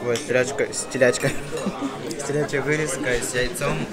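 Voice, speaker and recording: A man's voice: mid-range voice, steady tone, fairly quick. A man in his twenties chatting casually, picked up by a phone camera. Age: 20s. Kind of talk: casual chat. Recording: busy crowd noise, phone camera audio.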